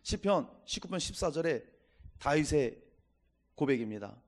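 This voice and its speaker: A man's voice: a little high, expressive, moderate pace. A middle-aged male pastor giving a Sunday sermon, reading scripture and acting out quotes as he preaches.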